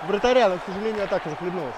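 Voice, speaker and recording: A man's voice: high-pitched, lively intonation, very fast. A man co-commentating a live esports hockey match in a chatty back-and-forth style. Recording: noisy venue with crowd behind the voice. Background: crowd and venue noise.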